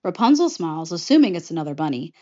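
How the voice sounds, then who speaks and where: A woman talking through her movie pitch in a casual, chatty way, her pitch rising and falling freely. The recording is a bit dull and muffled. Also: quick pace. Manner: animated, chatty, jumps into character voices. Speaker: vlogger pitching a film idea. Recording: slightly muffled lo-fi audio.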